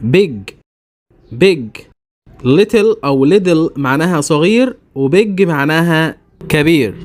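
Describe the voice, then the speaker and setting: Egyptian guy teaching english to beginners, says each word slow and twice. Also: fairly high pitch, expressive. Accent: Egyptian Arabic. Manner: repeats English words slowly, twice, for learners. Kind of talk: beginner language lesson.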